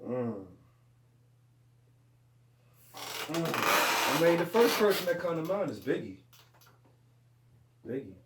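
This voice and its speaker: A man who raps, talking in a casual podcast chat. He is animated and profane, laughs often and restarts his sentences a lot. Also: on the high side, slow, long pauses, recorded from a distance. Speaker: rapper and podcast guest. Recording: roomy, off-mic, faint noise.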